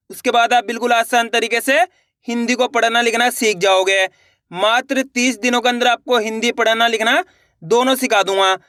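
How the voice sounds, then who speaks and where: Bright, high-voiced man teaching. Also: no echo, clean studio sound. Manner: drawn-out, repeats sounds and asks learners to repeat. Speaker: Hindi reading teacher. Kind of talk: step-by-step beginner lesson.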